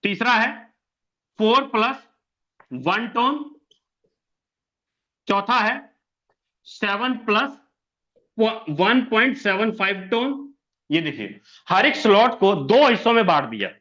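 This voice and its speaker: Bright, high-voiced man explaining step by step. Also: expressive, slow pace, pauses often, muffled recording. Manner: repetitive, asks and answers own questions, says "sir". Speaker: presenter explaining an income plan. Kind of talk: explanatory walkthrough of a diagram.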